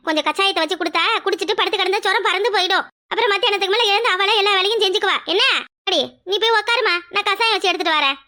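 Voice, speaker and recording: A woman voicing a bossy, sharp-tongued village grandmother in a cartoon. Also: extremely high pitch, very fast. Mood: scolding. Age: older. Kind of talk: cartoon voice acting.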